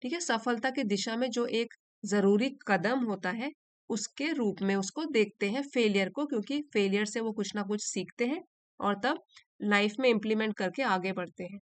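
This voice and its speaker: A woman teacher who reads lines slowly and carefully, then explains them patiently in Hindi. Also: medium pitch, no room sound. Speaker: English teacher. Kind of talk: explaining an English reading passage in Hindi.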